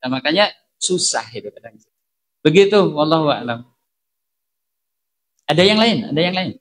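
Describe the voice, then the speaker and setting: A man leads a religious study group and answers the audience's questions. His voice sits a little high for a man. He talks in a relaxed, conversational way, slips in regional words and keeps tossing rhetorical questions back at his listeners. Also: moderate pace. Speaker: preacher.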